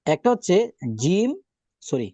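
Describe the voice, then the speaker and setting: A man teaching Quran reading in a classroom lesson, drilling letters slowly and checking that students follow. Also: on the high side, big pitch swings, dark tone, no echo. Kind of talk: slow classroom recitation lesson.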